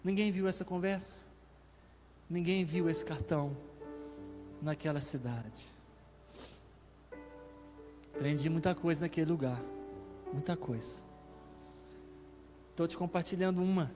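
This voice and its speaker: Brazilian male guest pastor, vivid testimony sermon, raised high voice, in a reverberant church hall. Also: fairly quick, over music. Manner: vivid storyteller, acts out dialogue. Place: church sanctuary.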